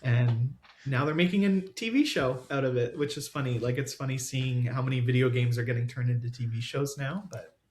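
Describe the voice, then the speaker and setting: A man's voice: mid-range voice, darkish tone. Chatty man in a roomy echo. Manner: chatty, rambling, quick to laugh. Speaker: podcast guest. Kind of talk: casual conversation.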